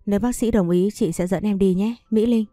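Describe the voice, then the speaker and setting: A woman's voice: mid-range voice, brisk, dark tone, no room sound, faint music behind, lightly acted. A woman voicing a grieving young woman, an older sister who speaks in a restrained, coaxing way.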